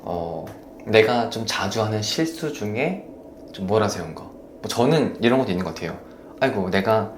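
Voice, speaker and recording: A man hosting a live stream on marriage, gently coaching and praising viewers as he reads their comments. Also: on the low side, echoey room, a little hiss or hum.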